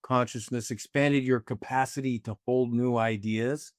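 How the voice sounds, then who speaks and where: Man in his 60s, guest, casual conversation, reflective and musing, casually profane, middle pitch, dry sound. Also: fairly even intonation, normal speed, no room sound.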